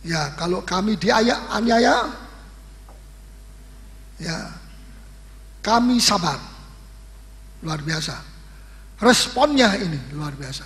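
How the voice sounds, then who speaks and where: A male preacher with a high voice and a gravelly edge delivers a sermon. He talks in a lively, teasing way, with plenty of questions for his listeners. The sound rings with the long echo of a church hall. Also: slow, long pauses. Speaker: pastor. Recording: echoey hall recording.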